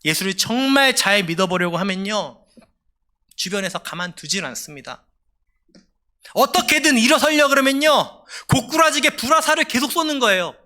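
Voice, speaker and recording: A man's voice: sits high, pushed and bright. A man preaching a sermon as a pastor, with an emphatic delivery that rises and falls.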